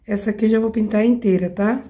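A Brazilian woman with a cold, her voice hoarse and mellow, demonstrates a craft project step by step at her home work table indoors. Speaking fast with a medium pitch, fairly even intonation and a Brazilian Portuguese accent, she's chatty as a tutorial host and frequently checks in with her viewers.

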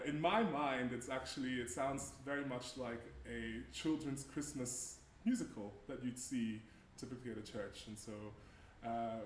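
A young man from Canada introducing the program at a concert, friendly and hesitant with many fillers. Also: medium pitch. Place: church hall. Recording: roomy church echo, faint noise.

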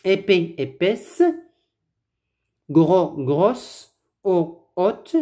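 A woman's voice: lowish voice, animated, drawn-out words, mellow. A woman teaching a French grammar lesson, patiently asking and answering drill questions and repeating words for pronunciation.

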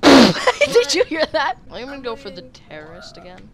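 A woman's voice: high-pitched, wildly swooping pitch, moderate pace. A woman chatting casually and playfully with a friend while they play a video game, often breaking into giggles. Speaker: gamer.

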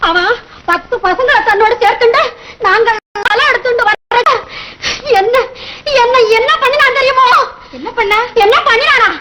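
An actress playing a quarrelsome, theatrical village woman with a Tamil Brahmin accent, complaining loudly. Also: very high-pitched, normal speed, long pauses, noisy background. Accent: Tamil Brahmin dialect.

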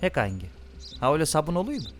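A man commenting casually on his own gameplay, muttering to game characters and often bursting into loud, irritated yelling at them. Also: fairly high pitch, big pitch swings, very fast, faint music behind. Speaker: gaming channel host.

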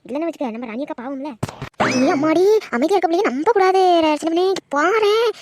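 A woman voicing a nosy older neighborhood aunty in a cartoon, gossiping fast and scolding with curses. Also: extremely high pitch, expressive, noisy background. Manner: gossipy, loud scolding and cursing. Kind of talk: cartoon voice acting.

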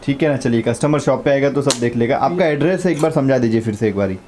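A man's voice: medium pitch, fast, noisy background. A man, a vlogger asking brief questions and giving short agreeing replies in a casual shop visit. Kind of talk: casual vlog interview.

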